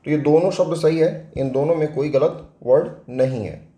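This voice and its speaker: A man's voice: fairly high pitch, normal speed, warm tone, roomy sound. A man teaching a spelling lesson for exam prep. He explains step by step with a Hindi accent, asking questions and answering them himself.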